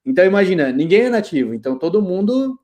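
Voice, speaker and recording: In a casual interview over a video call, a Brazilian IT specialist in his 30s tells stories fast and lively, using slang and laughing often. He has a fairly high voice and a Brazilian Portuguese accent.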